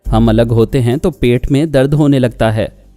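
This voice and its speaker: A man's voice: mid-range voice, moderate pace, warm tone, no echo, faint music behind, close to an everyday voice. A man voicing a torn young man who speaks in a coaxing, placating way.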